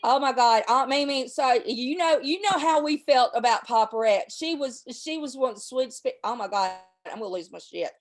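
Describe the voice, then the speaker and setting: A woman's voice: high voice, normal speed, hardly any pauses. A woman hosting a livestream, talking in a heated, profane, rambling way, stuffy with a cold and a sore throat. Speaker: livestream host. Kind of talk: casual chat and angry rant.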